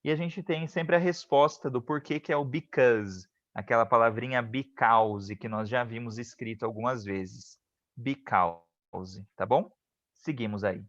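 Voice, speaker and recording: A man teaching an English lesson at an unhurried, patient pace, saying each example sentence slowly and clearly. He keeps checking whether his students are following. The sound is dry and a little dull, like an online class. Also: mid-range voice, no room sound. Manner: often checks in with "tá bom?". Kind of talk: online class, explaining grammar.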